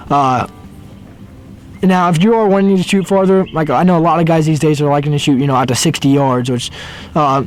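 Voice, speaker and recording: A man's voice: fairly high pitch, a little hiss or hum. A man casually explaining things to viewers as a hunting video host, recorded outdoors. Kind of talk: casual explanatory talk to camera.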